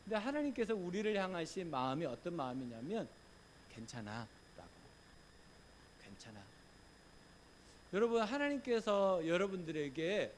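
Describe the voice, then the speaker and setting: A middle-aged male pastor preaching a Sunday sermon in a church, swinging from loud urging to soft, murmured reassurance. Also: on the high side, a little hiss or hum. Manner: acts out gentle quoted lines in a hushed voice. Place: church sanctuary.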